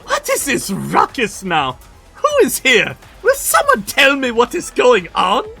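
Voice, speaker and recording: A preening, self-important adventurer, as a man puts him on with a bright, ringing voice that leaps wildly up and down in pitch. He speaks slowly and grandly, savouring every boast. Faint music sits underneath. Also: wildly swooping pitch, gravelly, breathy edge, full character voice. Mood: indignant. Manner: grandiose and theatrical. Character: pompous boastful male adventurer.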